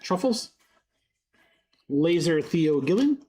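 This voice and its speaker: A young man with a head cold sounds congested as he streams a live card break, rattling off cards in upbeat chatter. His voice is on the high side, sing-song, slow, and mellow.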